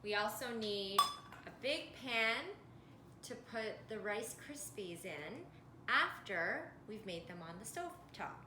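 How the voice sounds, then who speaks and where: A woman's voice: mid-range voice, animated, takes it slowly. A woman talking like a kids show host, leading children through a cooking lesson in simple, sing-song, teacher-like phrases. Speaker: presenter of a children's cooking video. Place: home kitchen. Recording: echoey kitchen, loud background noise, pan clatter.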